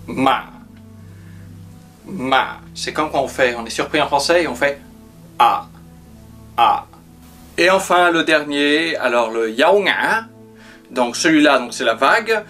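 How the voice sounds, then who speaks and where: A man's voice: on the high side, expressive, moderate pace, bright, forceful tone, soft background music. A man giving a pronunciation lesson, carefully demonstrating letters and sounds one by one. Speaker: language teacher.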